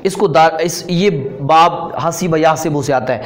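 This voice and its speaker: Man reciting Arabic grammar forms. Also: a little high. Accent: Pakistani Urdu. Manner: explains step by step, recites verb forms in drawn-out chants. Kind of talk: recorded online lesson.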